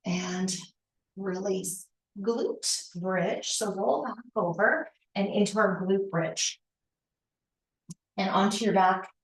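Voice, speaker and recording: Female aerobics instructor, unhurried and encouraging, counting and cueing moves in short phrases, very reverberant room sound. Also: mid-range voice. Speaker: fitness instructor. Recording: roomy, echoing indoor sound.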